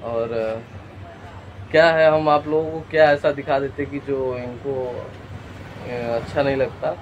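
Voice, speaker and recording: A young man chatting casually to viewers in a walking vlog, filmed outdoors on a phone held at arm's length. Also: mid-range voice. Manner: chatty, addresses viewers directly. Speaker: vlogger. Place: outdoors by a highway and fields. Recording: dull lo-fi phone audio, faint outdoor noise.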